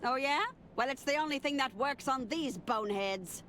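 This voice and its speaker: A woman's voice: sits high, normal speed, fairly bright tone, slight background noise. A woman voicing a bossy, scheming aristocratic mother in a comedic game, haughty and scolding. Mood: defensive, haughty. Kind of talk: comedic adventure game acting.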